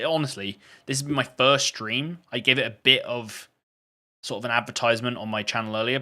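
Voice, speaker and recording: Guy on a live stream, bright voice, chatty, answering chat questions. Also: lowish voice. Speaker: gaming streamer.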